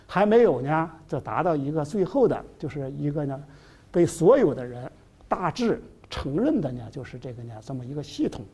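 Lively lecturer repeating key terms. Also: mid-range voice, breathy edge. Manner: filler-heavy, repeats key phrases; slows and stretches terms for emphasis. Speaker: university lecturer. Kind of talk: classroom lecture. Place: classroom.

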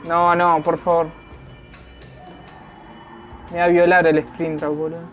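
A man's voice: on the high side, monotone, measured pace, fairly bright tone, muffled recording, faint music behind. A man with a Rioplatense Argentine accent giving casual let's play commentary, slangy and swearing, yelping when scared. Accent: Rioplatense Argentine Spanish. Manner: slangy, swears, yelps in panic. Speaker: gamer.

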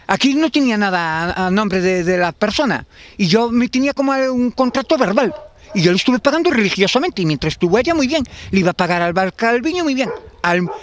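A Galician-accented Spanish man in his fifties, a tenant facing eviction, speaks into a handheld interviewer mic outdoors in a garden for a street interview. He rambles and repeats himself with many restarts, his voice sitting high over a little hiss or hum.

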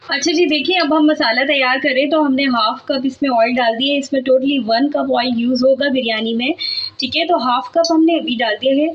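A woman's voice: high voice, a little fast, muffled recording. A woman from Pakistan with a Pakistani Urdu accent, explaining a recipe step by step in a chatty home-cooking style at her kitchen stove, filming on a handheld phone. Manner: chatty, step-by-step, repeats "theek hai". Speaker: cooking vlogger. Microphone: handheld phone camera.

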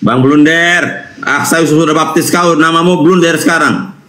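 A man's voice: a little high, steady tone, normal speed, sharp tone. A man in a live online debate who speaks with teasing, dismissive banter. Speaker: debate participant.

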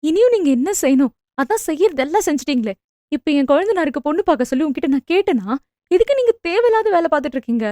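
A woman's voice: high voice, animated, fast talker, no echo, clean studio sound. A woman voicing an angry young married daughter who sharply reproaches her mother. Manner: sharp, accusing, emphatic.

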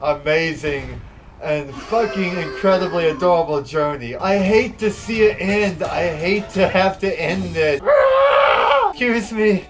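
A young man giving excitable, profane let's play commentary, gushing and emotional about the game. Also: on the high side, unhurried, heavy background noise. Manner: excitable and profane, swearing often. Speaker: gameplay commentator.

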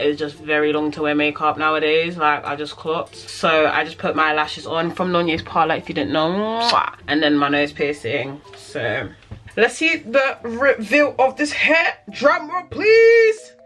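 A woman's voice: sits low, moderate pace, a bit bright. Slangy young London woman vlogging. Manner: slangy, swears freely, chatty. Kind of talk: casual vlog chat. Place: home kitchen.

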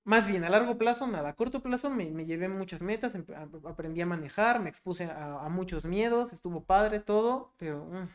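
A young man with a Mexican Spanish accent, a podcast co-host in casual chat, telling a story with lively, swear-filled animation. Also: high-pitched, a little fast, hardly any pauses.

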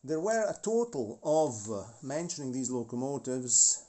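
Rambling mellow-voiced man in his forties. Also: mid-range voice, very animated, unhurried. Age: 40s. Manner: rambling, with frequent restarts and asides. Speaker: model railway channel host. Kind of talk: casual hobby talk about a model locomotive.

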